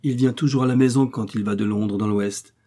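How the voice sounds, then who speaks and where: A man's voice: on the low side, steady tone, a little fast, warm tone, lightly acted. A man reading the part of a wary young male stable hand who talks cautiously and chattily.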